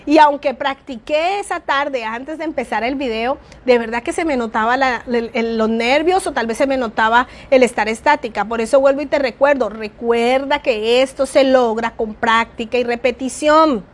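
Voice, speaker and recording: High-voiced woman teaching, soft and expressive. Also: moderate pace, few pauses. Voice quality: naturally soft, low-volume voice. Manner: varies tone and volume for emphasis, addresses listener as "mi amado". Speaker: church teacher. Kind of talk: online class lecture.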